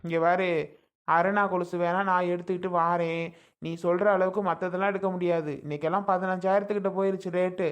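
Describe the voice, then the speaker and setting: A woman's voice: fairly low pitch, level tone, fast talker, clear, resonant tone, close to an everyday voice. A woman doing a sarcastic grown son. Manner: sarcastic, dismissive. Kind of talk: family comedy skit.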